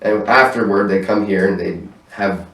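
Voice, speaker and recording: A low-pitched, slightly bright male voice at normal speed belongs to a stage manager giving a laid-back interview in his apartment room. He talks loosely, cursing freely and laughing often. The mic is far away and the room adds echo.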